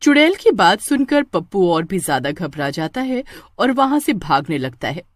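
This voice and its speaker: Lively woman narrating a horror tale. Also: lowish voice, moderate pace, dry recording. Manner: expressive, lively storytelling. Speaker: storyteller. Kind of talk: scripted horror story narration.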